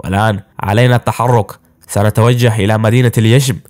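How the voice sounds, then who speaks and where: A man voicing a calm, composed young male martial artist in a cartoon story. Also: on the low side, fast talker, lightly acted.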